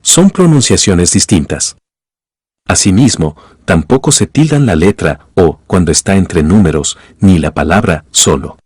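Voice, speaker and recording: A man with a very deep, slightly husky voice narrates a scripted grammar lesson. He explains rules in a measured, teacherly way and reads example sentences aloud. The voice-over sounds dry and close to the mic. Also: animated, darkish tone, dry recording. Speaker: language teacher.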